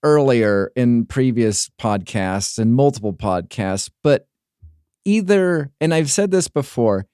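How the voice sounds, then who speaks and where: A man's voice: mid-range voice, lively intonation, slow pace, dark tone, clear, resonant tone, no echo, studio quality. A man co-hosting a podcast in casual chat, sarcastic and dismissive, joking often. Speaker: podcast co-host.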